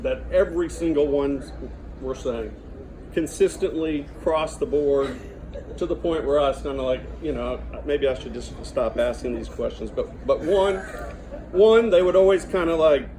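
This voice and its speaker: A middle-aged man giving an informal father of the bride speech, halting and conversational, with a joking delivery. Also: fairly high pitch. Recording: noisy room with loud audience chatter and laughter.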